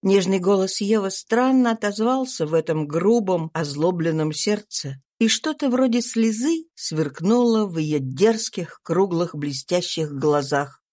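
A woman reading a classic novel aloud in even, measured storytelling. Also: mid-range voice. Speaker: audiobook reader. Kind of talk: scripted narration of a classic novel.

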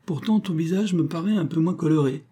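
A man's voice: a little high, fairly quick, dark tone, slightly rough, pitched above the performer's own voice. Man reading as a contrite, courtly billionaire. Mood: jovial. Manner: formal, contrite. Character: remorseful older male billionaire, courtly.

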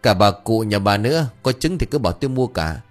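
Man playing a demanding old man, shouting, low voice, lively pitch. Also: brisk, faint music behind, lightly acted. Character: loud stubborn old man, rival buyer.

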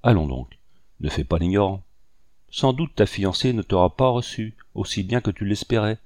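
Give me a man playing a brusque, blustering older father with a low voice. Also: lively intonation, moderate pace, darkish tone, no echo, studio quality, lightly acted. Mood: scolding. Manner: brusque, scolding.

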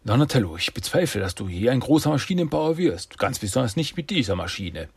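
A man voicing an old, wise male rat teacher from a cartoon, speaking dry and measured. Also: medium pitch, big pitch swings, gravelly, a little mellow, breathy edge, dry recording, full character voice. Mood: dry doubt.

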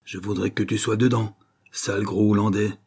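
A man voicing a rough, hard-drinking laundry worker whose raised, excitable voice slurs and mumbles when he's drunk. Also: on the low side, moderate pace. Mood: excited, rowdy. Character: rough, boozy laundry worker, lamenting and wild. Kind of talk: audiobook character voice.

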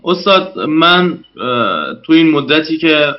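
A man's voice: fairly high pitch, sing-song, lo-fi sound. A man, a guest in a casual interview, talking politely about learning a language with many hesitant fillers.

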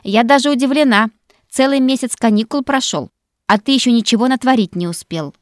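A woman's voice: mid-range voice, expressive, normal speed, no room sound, clean studio sound, lightly acted. A woman voicing a grumpy, strict female faculty keeper who scolds and scoffs. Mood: scolding. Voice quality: scolding, sharp and sceptical. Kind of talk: audiobook character voice.

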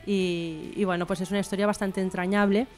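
In a relaxed interview, a middle-aged Barcelona writer who speaks Catalan and Spanish explains her work chattily in a local accent. Her mid-range voice barely shifts in pitch and runs a little fast, with faint music behind.

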